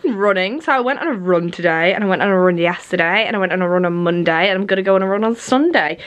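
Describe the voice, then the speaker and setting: A woman's voice: mid-range voice, fairly bright tone. A woman in her twenties chatting casually to camera at home in a rambling, self-mocking way. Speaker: vlogger. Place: at home, indoors.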